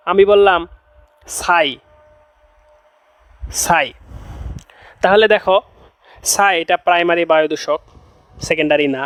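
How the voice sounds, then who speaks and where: A man's voice: sits high, clear, resonant tone, no room sound. A young man teaching a chemistry class to exam students, repeating each phrase two or three times and often checking in with them. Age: young adult. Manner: coaxing, checks in with "okay?" and "see". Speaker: admission-test tutor.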